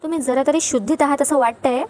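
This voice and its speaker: A woman's voice: high voice, steady tone, fast, dark tone, lightly acted. A woman voicing a stern, businesslike lawyer who gives firm orders.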